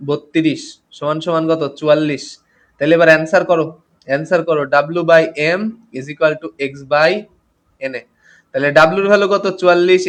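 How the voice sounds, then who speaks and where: A man's voice: fairly high pitch, a bit bright. A tired man teaching chemistry in a live online class, greeting students by name as he goes. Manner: reads out comments and greets students by name, mixes English terms. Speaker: chemistry tutor.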